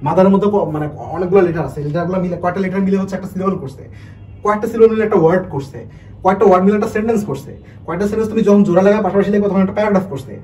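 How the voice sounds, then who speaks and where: A man teaches an online class at a breakneck pace, his fairly high, mellow voice tumbling through restarts and quick questions to his students. He sounds set back from the mic, with a faint hum of noise underneath. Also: distant mic, poor audio. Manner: rapid, restarts often, asks the students rhetorical questions. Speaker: admission test English teacher.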